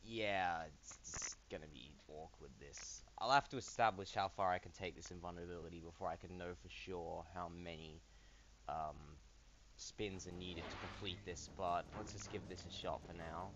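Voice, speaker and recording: A man giving casual gameplay commentary, chatting and thinking aloud, with bursts of excitement. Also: sits low, normal speed, a little hiss or hum. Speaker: let's play gamer. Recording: dull lo-fi voice with game music behind. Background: video game music.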